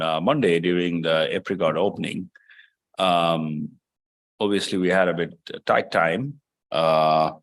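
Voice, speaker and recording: A man from Nepal chairing a members meeting, speaking off the cuff with many pauses and fillers. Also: sits low. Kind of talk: unscripted meeting address.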